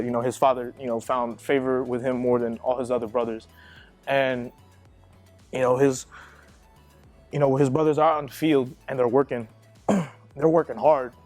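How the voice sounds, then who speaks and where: A man's voice: mid-range voice, a little mellow, dry recording. A young man giving a casual youth sermon, rambling and packing his talk with filler words. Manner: rambling, heavy with "you know" fillers. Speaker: youth minister.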